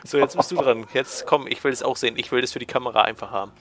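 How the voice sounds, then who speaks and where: A man's voice: medium pitch, steady tone, racing, fairly bright tone, a little hiss or hum. A man in casual banter over a shared game, teasing his partner and commenting on his own moves. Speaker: let's play co-player.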